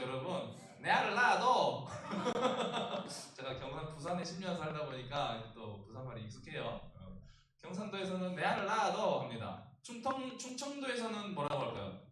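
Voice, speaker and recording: Pastor in an echoey church hall. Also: male voice, on the high side, big pitch swings, normal speed, fairly bright tone, far from the mic. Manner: humorous, asks the congregation questions. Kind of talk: youth sermon. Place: church sanctuary.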